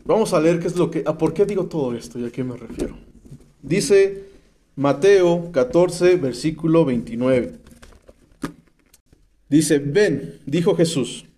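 This rehab-center preacher with a Mexican accent gives an emphatic, slangy testimony sermon, reading scripture and unpacking it. His high voice stays mellow and warm rather than sharp. He's a little slow, pauses often, and there's slight background noise.

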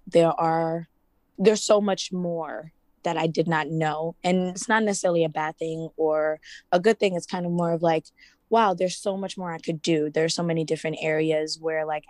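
A woman's voice: fairly low pitch, a little mellow, dry recording. A young woman from Ghana, raised in the US, talking casually as a student representative, with many fillers. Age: young adult. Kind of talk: casual interview.

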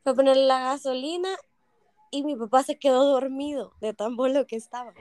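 With a voice that sits high and a moderate pace, a podcast co-host chats casually about her family, and the recording has no echo. She tells the stories animatedly, performing the people she quotes.

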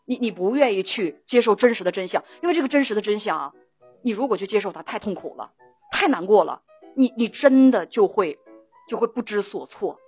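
A woman's voice: mid-range voice, expressive, fairly quick, darkish tone, husky, soft background music. A middle-aged woman hosting an emotional talk show, telling stories and acting out both sides of each conversation with repeated words and laughs. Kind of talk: storytelling talk-show monologue.

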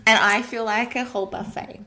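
A woman's voice: fairly high pitch, fairly even intonation, fairly quick, bright, forceful tone. A woman co-hosting a casual podcast in a campy, flamboyant, brash diva style. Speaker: podcast co-host.

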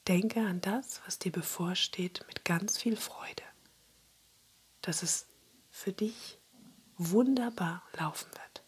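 A woman guiding a relaxation meditation in a soft, soothing spa-like whisper, breathy and husky. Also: fairly low pitch, slow, pauses often. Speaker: relaxation exercise guide.

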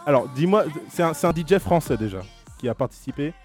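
A man's voice: fairly high pitch, expressive, quick pace, faint music behind. A man in his twenties hosting a blind test in casual chat, teasing and playful, laughing often. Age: 20s. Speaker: radio host running a blind test.

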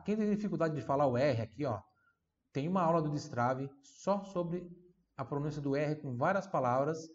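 Man drilling words slowly for students. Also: medium pitch. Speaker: Italian teacher. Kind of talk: online language lesson. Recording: slightly dull lo-fi sound.

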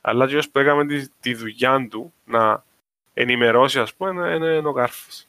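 A man's voice: medium pitch, sharp tone, no room sound. Cypriot Greek man explaining things casually. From Cyprus. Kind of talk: casual discussion of social issues.

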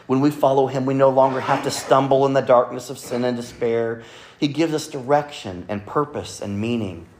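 A man preaching a Sunday sermon to a congregation, earnestly quoting scripture and often dropping to a soft, quiet delivery. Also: mid-range voice, moderate pace, slight background noise. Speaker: pastor. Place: church service with congregation.

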